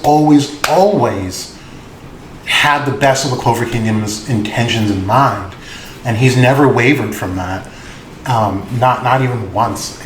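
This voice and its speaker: A man's voice: medium pitch, a bit bright. A man hosting a casual anime commentary video, laid-back and rambling with lots of filler words and swearing. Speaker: host. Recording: echoey room with faint noise.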